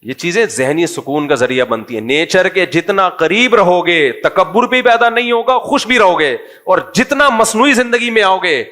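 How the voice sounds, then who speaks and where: A man's voice: high voice, lively intonation, few pauses, pushed and bright. Joking, conversational male religious scholar. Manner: conversational, quizzes the audience. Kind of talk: humorous religious talk.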